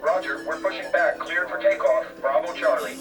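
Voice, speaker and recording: Man, pilot over the radio, clipped call phrasing, loud, heard from far off. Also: on the high side, moderate pace, over loud music.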